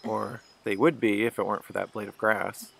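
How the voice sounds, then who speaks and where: A man's voice: lowish voice, little pitch movement, moderate pace, vocal fry, breathy edge. A man narrating a wildlife photo video in casual storytelling, earnest and self-deprecating.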